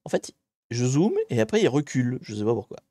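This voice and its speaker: A man's voice: medium pitch, big pitch swings, a little fast, dark tone, dry recording, studio quality. Chatty man streaming a map puzzle. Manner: chatty, talks to chat while searching maps, mildly exasperated. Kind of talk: live-streamed geography puzzle commentary.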